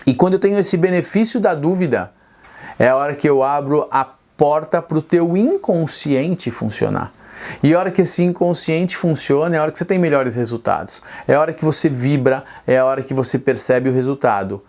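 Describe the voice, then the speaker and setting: A man's voice: fairly high pitch, fairly quick, a little mellow. A middle-aged man teaching speed reading straight to camera, earnest and persuasive, asking rhetorical questions and answering them himself.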